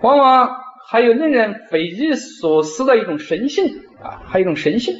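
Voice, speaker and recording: A middle-aged man, a university professor, giving a lecture and telling stories with drawn-out particles. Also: very high-pitched, lo-fi sound, slight background noise. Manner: animated storyteller, frequent drawn-out particles. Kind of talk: lecture with storytelling.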